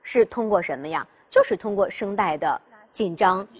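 An animated woman with a mid-range, slightly rough voice teaches pronunciation at a moderate pace. Her classroom lesson proceeds step by step, with rhetorical questions to the class and sounds she voices herself as examples.

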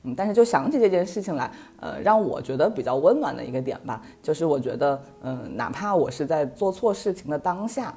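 A woman in her thirties chatting casually on a podcast, telling a story in a lively way and laughing often. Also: deep voice, a little fast, few pauses, husky. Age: 30s. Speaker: podcast guest.

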